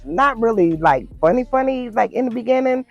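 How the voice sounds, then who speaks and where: A woman's voice: a little high, expressive, brisk, vocal fry, no echo, dull audio. A woman telling a personal story to her viewers in a casual, chatty way, calling them girl and y'all. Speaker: storytime vlogger.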